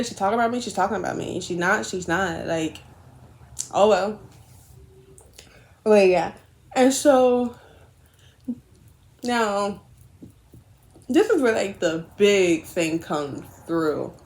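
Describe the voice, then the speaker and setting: Rambling young woman telling a storytime. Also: medium pitch. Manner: rambling, frequent fillers and quoted dialogue; blunt, swears casually. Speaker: vlogger. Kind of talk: casual storytime while doing makeup.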